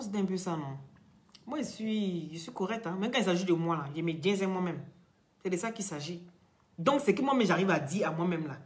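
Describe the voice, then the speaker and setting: A woman's voice: on the low side, echoey room. A woman hosting a live video, speaking straight to her followers in an emphatic, lecturing way. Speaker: social media live-stream host.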